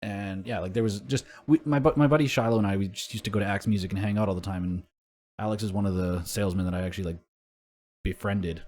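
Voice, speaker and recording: A man's voice: lowish voice, fast talker, a little mellow. A young man co-hosting a podcast, chatting casually, swearing freely and laughing easily. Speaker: podcast co-host. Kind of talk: casual chat.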